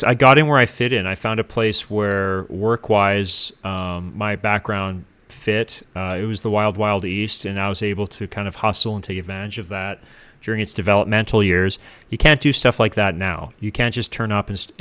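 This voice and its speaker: A middle-aged man from Canada, a guest casually telling his life story in an animated way, acting out what others said. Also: fairly low pitch. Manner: animated, acts out what people said.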